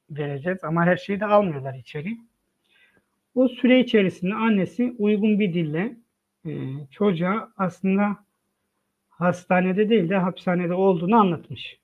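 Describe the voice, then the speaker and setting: A father telling of his family's hardship in an emotional personal testimony, retelling events by quoting what each person said. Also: high-pitched. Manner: retells events by quoting dialogue, frequent "dedim" and "dedi" tags. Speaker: father of the child. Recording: tinny phone-like line from a live online broadcast.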